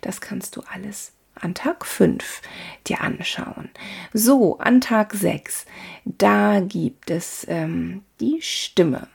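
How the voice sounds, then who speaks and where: A woman teaching a calm spoken lesson on body language, talking straight to the listener with frequent tag questions and fillers. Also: mid-range voice, extremely slow, creaky, slightly rough, whispered. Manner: calm, talks to the listener directly, many "ne?" tags and fillers.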